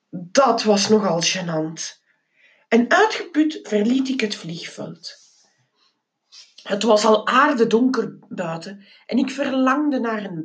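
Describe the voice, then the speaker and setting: A woman reading a children's book aloud, expressive and with small slips and restarts. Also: a little high. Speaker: reader.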